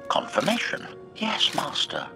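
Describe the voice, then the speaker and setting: An actor playing a polite male assassin droid with a smooth synthetic voice, who names his mood before each remark. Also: fairly high pitch, wildly swooping pitch, a little slow, music in the background, heavily acted. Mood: formal. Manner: announces each mood label before speaking. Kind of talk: video game voice acting.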